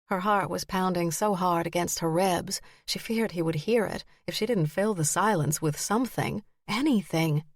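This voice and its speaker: A woman narrating a historical romance audiobook in an expressive storytelling voice, lifting her pitch to act out the characters. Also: dry recording, clean studio sound.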